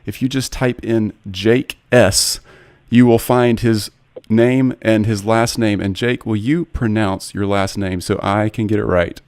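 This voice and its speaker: Male podcast host, 40s, low voice, smooth and clear, dry close sound, earnest. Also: fairly even intonation, measured pace, hardly any pauses, darkish tone, no room sound. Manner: earnest, personal and eager. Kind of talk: podcast interview.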